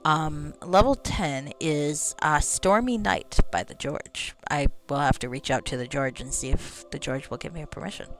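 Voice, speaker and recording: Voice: mid-range voice, normal speed, hardly any pauses, fairly bright tone, soft background music. A game streamer giving casual, rambling commentary, talking to themself and swearing freely. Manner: sweary, rambling, talks to self. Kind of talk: casual gameplay commentary with some read-aloud game text.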